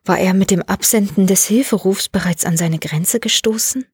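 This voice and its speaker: A woman reads a story aloud in a measured, expressive narrating voice. The recording is dry and close, with no room sound. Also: medium pitch, breathy edge, dry recording. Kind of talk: scripted audiobook narration.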